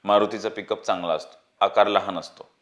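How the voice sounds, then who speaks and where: A man's voice: on the low side, fairly even intonation, fairly quick, fairly bright tone, close to an everyday voice. A man reading the part of a cocky young man who plans the job, self-assured and lecturing. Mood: confident.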